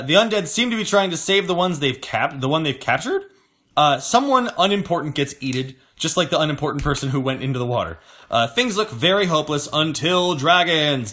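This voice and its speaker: A man's voice: on the high side, sing-song, a little fast, fairly bright tone. A young man casually recapping a TV episode, joking and laughing often between points. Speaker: podcast host recapping episodes.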